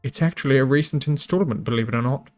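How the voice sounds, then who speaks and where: A man voicing a gentle, caring green-skinned mushroom man in a game, speaking softly and hospitably with quiet pride. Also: medium pitch, quick pace, faint music behind, close to an everyday voice.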